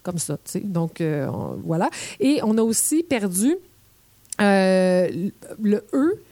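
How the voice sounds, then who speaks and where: A woman's voice: mid-range voice, very animated, slow, mellow, no echo. A playful Québécoise woman explaining how her speech sounds, with a Québécois accent. She illustrates each point with examples, recorded dry and close. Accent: Québécois French. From Quebec. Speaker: presenter. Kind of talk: explanatory talk on language.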